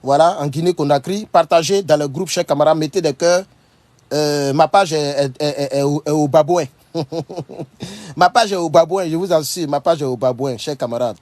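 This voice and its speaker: A man giving casual, animated commentary to his followers. He repeats himself often and laughs as he talks. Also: fairly high pitch, moderate pace, no room sound. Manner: animated, repetitive, laughs often while talking. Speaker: online political commentator.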